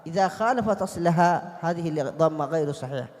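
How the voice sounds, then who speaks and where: Brief: male recitation teacher, high voice, echoing hall, demonstrates by chanting. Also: lively intonation, fast talker, darkish tone. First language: Arabic. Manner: demonstrates sounds in sung recitation. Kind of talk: tajwid lesson. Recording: long hall reverb.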